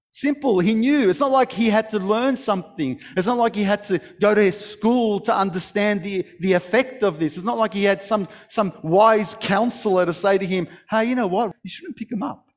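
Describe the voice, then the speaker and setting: A man's voice: high-pitched, in a large hall. A man preaching a sermon, telling a story with emphasis and many restarts. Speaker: pastor.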